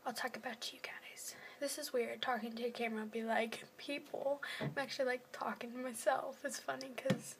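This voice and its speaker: A teenage girl with a fairly high voice rambles to her phone camera at home, filling her talk with "like" and "I don't know". She often drops into a soft half-whisper when she puts herself down. A faint hum of room noise sits behind her. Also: steady tone, brisk, creaky. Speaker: first-time vlogger.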